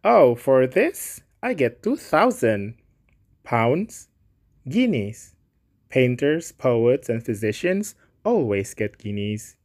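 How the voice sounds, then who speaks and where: A boisterous male painter booms through this storybook reading, voiced by a man reading aloud. He is hearty and a little bossy, and his voice sits at an everyday middle pitch. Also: big pitch swings, takes it slowly. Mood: jovial. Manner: hearty, declamatory, loud.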